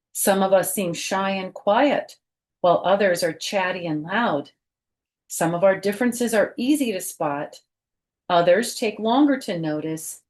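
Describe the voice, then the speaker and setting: A woman hosts a children's storytime, reading aloud expressively and talking straight to young listeners with questions and simple explanations. Her voice is medium in pitch.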